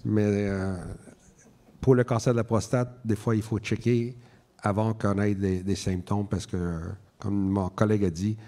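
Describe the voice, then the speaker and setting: Low, mellow male doctor. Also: little pitch movement, unhurried. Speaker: medical specialist on a panel. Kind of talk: plain-spoken expert explanation.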